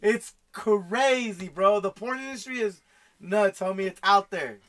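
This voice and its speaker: A man's voice: high voice, normal speed, fairly bright tone. A man chatting casually in a slangy, profane frat bro manner. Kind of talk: casual chat.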